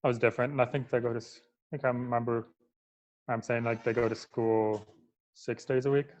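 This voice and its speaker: A man from Michigan chatting as a podcast guest, relaxed and full of "like" fillers. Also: mid-range voice, brisk. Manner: relaxed, filler-heavy, lots of "like". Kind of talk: casual interview chat.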